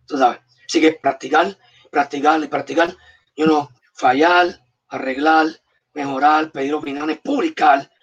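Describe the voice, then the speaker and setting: A husky-voiced man with a Puerto Rican accent talks about comics in a relaxed interview, rattling off emphatic advice in short bursts. He sits back from the microphone, so his voice comes through a little far off and muffled. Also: a little high, measured pace. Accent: Puerto Rican Spanish. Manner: emphatic, gives punchy advice in short commands. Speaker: comics artist guest. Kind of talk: casual interview storytelling. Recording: distant, dull, muffled mic.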